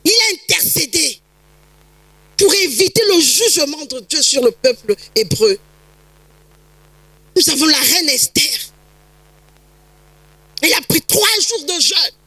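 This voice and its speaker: A woman pastor preaching a sermon, emphatic, with repetitions and sudden rises to near shouts. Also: high voice, sing-song, slow pace, long pauses, dry recording, rough recording.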